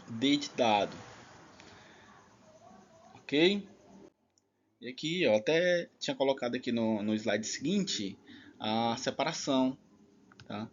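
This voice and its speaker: A man's voice: mid-range voice, lo-fi sound, a little hiss or hum. A man teaching an online exam-prep lesson in a chatty, casual way, leaning on filler tags.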